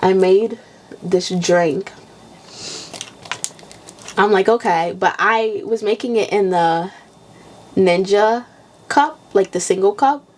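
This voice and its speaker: A woman's voice: mid-range voice, slow pace, long pauses, a little mellow, poor audio. A young woman co-hosting a podcast, chatting casually and bluntly and swearing freely as she retells her week. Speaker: podcast co-host. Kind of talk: casual chat.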